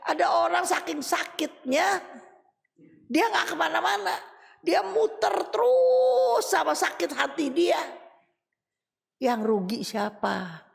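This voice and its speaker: A middle-aged woman from Indonesia teaching a sermon in a lively, colloquial way, shouting for emphasis and dropping into soft asides. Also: extremely high pitch, slow, creaky, long pauses, big-room sound. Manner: animated, colloquial, shifts between loud emphasis and soft asides. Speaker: preacher.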